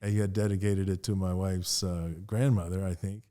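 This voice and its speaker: A man with a fairly low voice hosts a relaxed interview. He asks his questions hesitantly, with plenty of fillers and small restarts along the way. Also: fairly quick. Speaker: podcast host. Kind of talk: casual interview.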